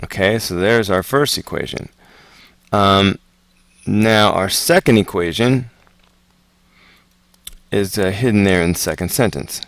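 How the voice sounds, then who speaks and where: A man teaching math homework, talking through word problems in a relaxed, chatty way with asides. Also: fairly low pitch, no room sound. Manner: relaxed, chatty, slow and deliberate. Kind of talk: casual homework walkthrough.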